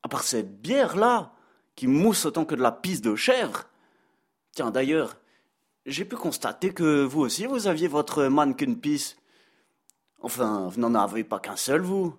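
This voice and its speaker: A man's voice: medium pitch, very animated, unhurried, slightly rough. A man playing a sarcastic, gossipy male French teacher with a Belgian accent, in a comic radio editorial full of "hein". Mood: teasing. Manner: teasing, sarcastic, peppered with "hein". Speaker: comic columnist.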